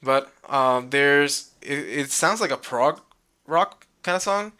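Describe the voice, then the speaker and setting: A man with a bright, forceful voice talks loosely about records. He keeps stopping and restarting, full of ums and likes, in easy podcast chat. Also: mid-range voice, expressive, takes it slowly, clear, resonant tone. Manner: rambling, many fillers and restarts. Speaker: podcast co-host. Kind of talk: casual music chat.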